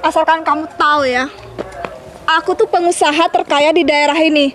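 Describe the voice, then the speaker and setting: A woman's voice: high voice, steady tone, normal speed, fairly bright tone, faint music behind. A woman playing a boastful village businesswoman in a skit, arguing back defiantly. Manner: snappy, defiant. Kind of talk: amateur comedy skit acting.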